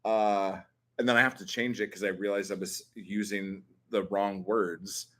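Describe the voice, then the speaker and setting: With a flat delivery at a measured pace, the young Southern Californian vlog host answers viewer questions in a lowish, fairly bright voice. He speaks casually and rambles, full of ums and likes, and swears now and then.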